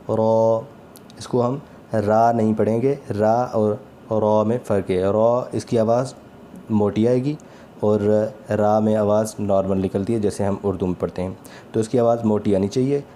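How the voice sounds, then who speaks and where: A man teaching Quran recitation in a calm, patient spoken lesson, sounding out each letter slowly and repeating it. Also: fairly low pitch, a little hiss or hum.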